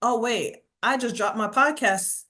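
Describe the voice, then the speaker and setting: Her voice sits a little high and moves a little slowly. She's a burnout coach from Jamaica with a New York accent, chatting casually on a podcast as a guest, acting out quotes with lively energy and punctuating her lines with "right?" again and again.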